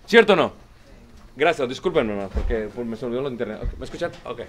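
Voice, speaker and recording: A man's voice: mid-range voice, expressive, fast, a little hiss or hum. A man preaching a sermon, emphatic and repetitive, often calling the congregation "brothers". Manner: emphatic, repeats lines, addresses congregation as brothers.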